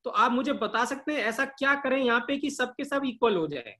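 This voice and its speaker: A man's voice: extremely high pitch, expressive, brisk, pushed and bright. A male chemistry teacher giving a live online class. He keeps asking questions and answering them himself, and drills key terms by repeating them.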